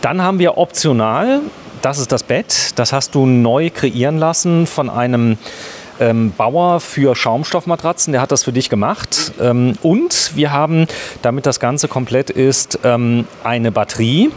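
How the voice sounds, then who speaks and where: A man's voice: mid-range voice, measured pace, slight background noise. A man hosting a casual on-site product demonstration, chatty and joking, with plenty of fillers. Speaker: host.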